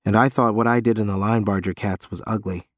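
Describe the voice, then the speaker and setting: A man's voice: fairly low pitch, steady tone, fairly quick, no room sound, studio quality. A man reading first-person fiction as a scripted audiobook narration.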